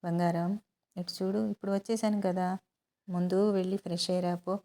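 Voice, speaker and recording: A woman reading the lines of a caring young man who calmly reassures and teases. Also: fairly low pitch, fairly quick, lightly acted. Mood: tender. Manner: soothing, reassuring.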